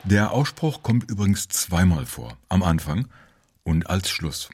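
A man narrating a history documentary in a measured, informative way. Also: low-pitched, sing-song, noisy background.

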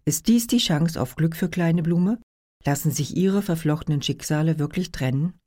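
A woman presenting books in a calm, informative, scripted narration. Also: low voice, normal speed. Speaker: book presenter. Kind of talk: scripted book review narration.

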